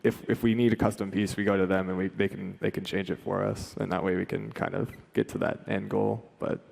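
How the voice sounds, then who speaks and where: A man on a convention panel giving plain, steady answers about his design work. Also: low-pitched, a little fast, vocal fry. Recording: long reverb of a convention hall.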